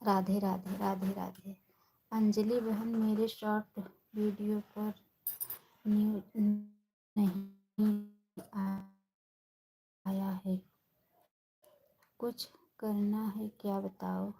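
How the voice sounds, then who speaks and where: A woman hosting a casual live stream, chatting with viewers by name and speaking softly and slowly on a phone. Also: medium pitch, little pitch movement, gravelly, rough recording. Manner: talks softly and slowly, holding her voice down.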